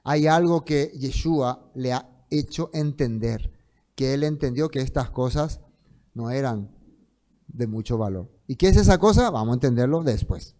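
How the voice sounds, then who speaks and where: A man teaching a Bible study in sermon style, emphatic, with loud stresses that fall to soft trailing phrases, slowing down to read scripture. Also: mid-range voice. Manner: slows down to read scripture aloud.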